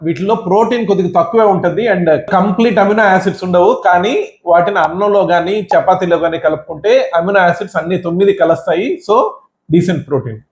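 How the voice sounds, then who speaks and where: A man talks quickly and briskly, counting down a list and rattling off figures as he goes. His voice sits high for a man, and the room around him rings with echo. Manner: brisk, listing facts with numbers. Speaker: nutrition content creator.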